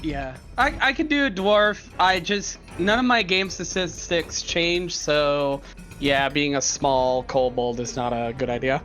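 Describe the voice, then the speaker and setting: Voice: mid-range voice, unhurried, fairly bright tone. A player chatting casually and playfully during a tabletop role-playing session. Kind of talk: casual chat at a tabletop game. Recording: stream with faint background music.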